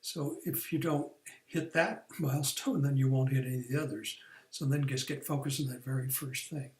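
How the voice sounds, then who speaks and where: A man's voice: mid-range voice, steady tone, moderate pace, reverberant. A man, working as a career coach, explaining the steps of an online training lesson in an unscripted way, with fillers and restarts.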